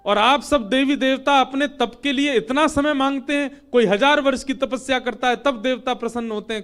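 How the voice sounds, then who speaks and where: A man's voice: extremely high pitch, a bit bright, clean tone. A man voicing a stern god lecturing other gods. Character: stern male god, commanding teacher.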